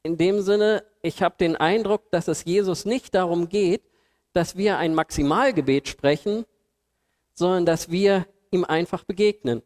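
A man's voice: high voice, measured pace, a little mellow. A man preaching a sermon in a church hall, colloquial and humorous, asking his listeners questions. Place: church hall with projected slides. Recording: long hall reverb.

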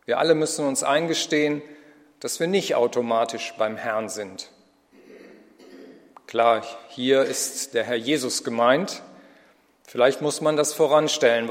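A man's voice: medium pitch, in a large hall. A man preaching a reflective sermon in a personal tone, with rhetorical questions.

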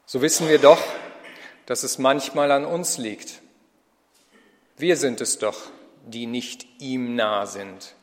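Man, preacher, reflective sermon, rhetorical questions, middle pitch, long reverb. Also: fairly even intonation, slow, long pauses, a little hiss or hum.

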